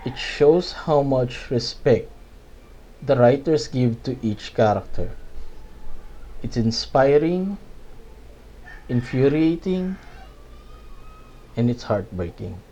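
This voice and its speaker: A man's voice: medium pitch, expressive, slow, long pauses, dark tone, rough recording. A man narrating a video essay that reviews a game, with dry sarcastic asides.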